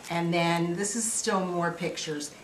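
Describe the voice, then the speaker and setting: A sweet older woman talks affectionately, like a grandmother going through family snapshots. Her pace is very slow and her pitch a little low. The room is echoey, with clear noise behind her. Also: fairly even intonation. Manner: sweet, affectionate old-lady way of talking. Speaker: grandmother narrating family photos. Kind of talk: casual reminiscing over photos.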